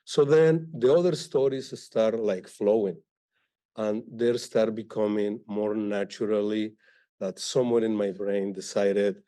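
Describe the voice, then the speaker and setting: Man, author on a panel, halting delivery, searching for words, mellow dark tone. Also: lowish voice, steady tone. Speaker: author on a panel, also teaches. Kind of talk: live panel talk at a library event. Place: library event hall.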